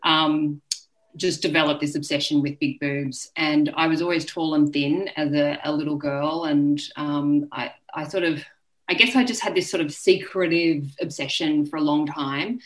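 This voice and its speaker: A woman's voice: deep voice, fairly even intonation, moderate pace, low-quality recording. A woman in her early forties, a guest author frankly telling a personal story and acting out the voices of people she quotes. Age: early 40s.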